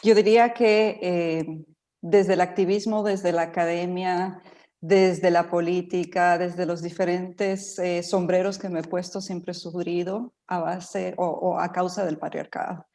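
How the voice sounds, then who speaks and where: A woman's voice: fairly low pitch, little pitch movement, a little slow, warm tone. A middle-aged woman from Ecuador speaking as a panelist in an online talk, thoughtful, with many fillers and restarts.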